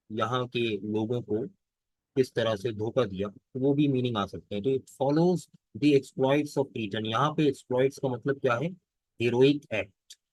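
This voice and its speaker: A male English teacher reads lines of a text slowly, then explains them in Hindustani, often posing a question and answering it himself while filling pauses with "theek hai." His voice is mid-range, medium-pitched, and darkish in tone. The recording is close and dry with no room sound, and the audio quality is poor.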